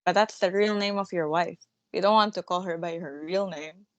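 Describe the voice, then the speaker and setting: A woman in a dramatic play reading, playing a self-assured theatre manager with a brisk, scornful, commanding manner. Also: on the low side, no room sound, highs cut off, lightly acted. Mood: brisk, reassuring.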